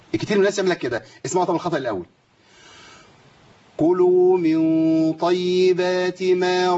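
A man's voice: medium pitch, a little mellow, slightly rough, lo-fi sound. A man with an Egyptian Arabic accent teaching Quran recitation in a live lesson, quizzing students by name, reciting examples and pointing out common mistakes. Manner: quizzes students by name, demonstrates and corrects errors.

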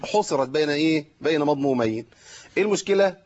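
A man's voice: a little high, expressive, fast, darkish tone, highs cut off. A man with an Egyptian Arabic accent teaching Quran recitation rules, asking questions and answering them himself. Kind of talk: tajweed lesson with recited examples.

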